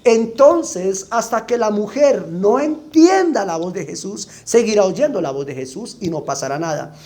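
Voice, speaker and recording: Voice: medium pitch, animated, normal speed, dark tone. A preacher delivering a sermon with emphatic, repetitive rhetorical questions.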